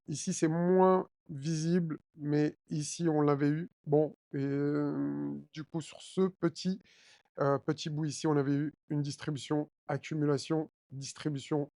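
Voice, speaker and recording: A man's voice: fairly high pitch, mellow, dry recording, studio quality. A man casually talking viewers through a trading chart, with many fillers and frequent check-ins with his audience. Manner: addresses viewers directly with frequent d'accord and hein. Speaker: crypto trading YouTuber. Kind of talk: chart analysis walkthrough.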